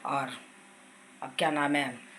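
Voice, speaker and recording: A woman's voice: very deep voice, fairly even intonation, slow, bright, forceful tone, slight background noise. A middle-aged woman vlogging casually from her home kitchen while unwell, chatting at length and retelling conversations with family.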